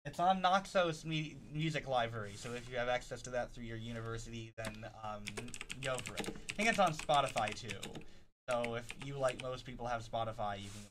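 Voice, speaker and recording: A man hosting a casual news rundown, halting often with fillers and restarts. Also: medium pitch, background noise. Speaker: podcast host.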